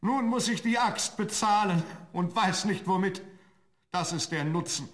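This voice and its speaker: Gruff scolding woodcutter father, played by a man. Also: sits high, a little slow. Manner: scolding and grumbling.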